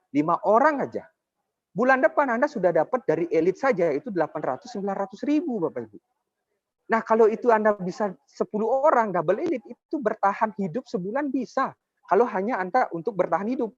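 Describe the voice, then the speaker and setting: A young man in his twenties, a network marketing presenter, gives a persuasive, motivational sales pitch and often speaks straight to his audience. His voice sits high, and the recording is dry, dull and lo-fi.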